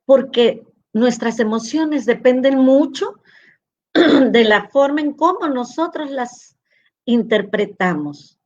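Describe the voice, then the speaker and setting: A middle-aged woman, a school rector, giving a slow heartfelt talk on emotions, telling anecdotes and acting out quoted dialogue. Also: high-pitched, expressive, dull audio. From northwestern Mexico. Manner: tender, acts out quoted dialogue.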